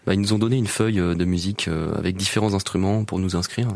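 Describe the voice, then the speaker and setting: A young man from Normandy, a guest musician chatting casually in a radio interview, relaxed with lots of fillers. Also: low voice, fast talker, vocal fry, no room sound. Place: radio studio.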